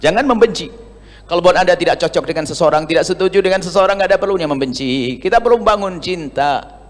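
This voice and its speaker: A male preacher, giving a sermon to a gathering, swinging between loud emphasis and hushed asides. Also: sits high, animated, fast. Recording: long hall reverb.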